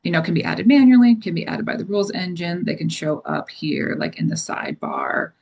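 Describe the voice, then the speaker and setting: A woman presenting software in a webinar, explaining features casually with many fillers. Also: lowish voice, lively intonation, a little fast, vocal fry, lo-fi sound. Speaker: product presenter. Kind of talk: webinar demo and Q&A.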